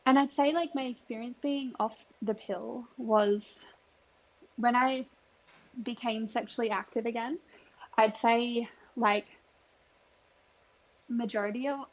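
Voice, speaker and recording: A woman's voice: fairly high pitch, muffled recording. A woman in her twenties co-hosting a podcast, talking candidly and casually with frequent agreeing responses. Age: 20s. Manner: candid, frank, eager backchannels. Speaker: podcast co-host. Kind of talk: casual chat.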